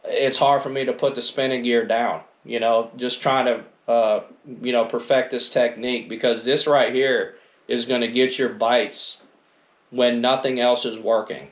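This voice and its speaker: A man's voice: medium pitch, flat delivery, unhurried. Casual American man in echoey room. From northern United States. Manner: colloquial, says "man" and "you know". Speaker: angler presenting gear. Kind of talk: casual chat. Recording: roomy echo, faint noise.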